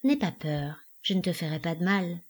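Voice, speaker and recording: A woman voicing a calm, mysterious male stranger in a dramatic play reading, low, muted and impassive. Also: normal speed, natural voice.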